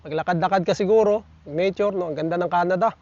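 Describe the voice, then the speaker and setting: A chatty man with a fairly high voice reads viewer comments aloud and talks them over in a casual vlog. He keeps tossing little tag questions at his audience. The sound is dry and a bit dull, like a lo-fi outdoor recording. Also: fast talker, darkish tone, dry recording. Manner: chatty, peppers lines with tag questions, addresses viewers as buddies. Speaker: vlogger reading viewer comments. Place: outdoors in nature.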